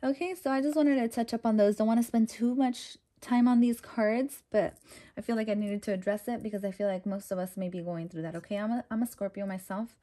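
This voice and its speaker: A woman's voice: fairly high pitch, steady tone, fairly quick, dark tone. A young adult woman doing a casual tarot reading, chatty and reassuring, with lots of loose fillers as she talks to viewers. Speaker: tarot reader.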